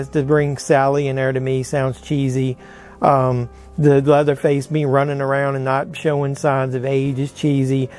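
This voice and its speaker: A man's voice: on the high side, a little mellow. A middle-aged man reacting to a movie on camera in a casual, rambling way, full of fillers and frank opinions, seated in a room packed with posters. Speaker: pop culture YouTuber.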